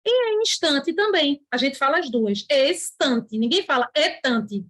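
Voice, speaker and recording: A woman with a high voice gives an online grammar lesson. She explains patiently and stretches the words she wants to stress, now and then voicing a student's question herself. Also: lively intonation, measured pace, a bit bright. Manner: writes on a board while talking. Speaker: teacher.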